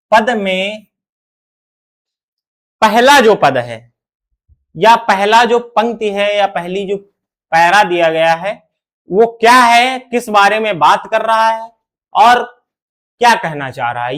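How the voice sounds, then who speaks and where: A man teaching a poetry lesson to students, calling them "beta", asking questions and answering them himself, and chanting the verses slowly. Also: sits high, a bit bright. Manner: addresses students as "beta", asks and answers his own questions. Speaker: Hindi teacher. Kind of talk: classroom lesson explaining poetry.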